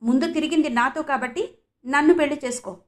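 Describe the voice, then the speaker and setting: In an audiobook, a woman voices an angry, possessive young man who snaps and threatens, loud and sneering, in a fairly high voice pushed hard and fast, close to everyday speech. Her reading stays steady and clean.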